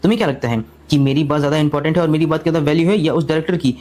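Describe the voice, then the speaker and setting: A man's voice: on the high side, racing, a little mellow, slight background noise, close to an everyday voice. A man voicing an arrogant young male doctor who talks in a boastful, insistent way in a storybook recap. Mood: domineering.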